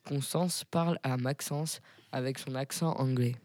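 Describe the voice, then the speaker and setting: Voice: mid-range voice, steady tone, measured pace, a little mellow. A narrator telling the story of an amateur skit in a plain storytelling manner.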